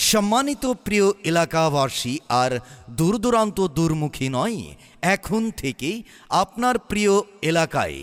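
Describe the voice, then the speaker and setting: A man from Bangladesh calls out a shop advertisement over a PA loudspeaker, stretching his words into a sing-song list of goods. His voice sits a little high and comes through smooth and resonant. A long reverb trails after every phrase. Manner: drawn-out, sing-song announcer listing of goods. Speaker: shop announcer.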